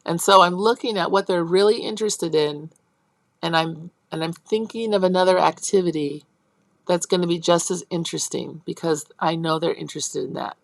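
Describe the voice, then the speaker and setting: A woman instructor giving a college lecture on early childhood teaching, explaining step by step, checking in with her class and acting out teacher and child lines in a high, animated voice. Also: moderate pace, creaky, no echo.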